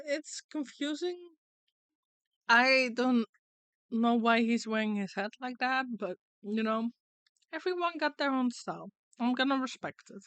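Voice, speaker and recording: A woman's voice: high-pitched, takes it slowly, fairly bright tone, clean tone, dry recording. A woman streamer giving casual game commentary and reading story narration aloud with dramatic flair.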